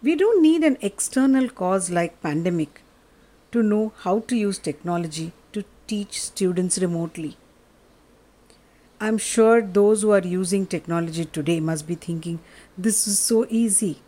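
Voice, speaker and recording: A woman giving a reflective explanatory talk in measured, deliberate phrases. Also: mid-range voice, dark tone. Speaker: speaker on curiosity and meditation.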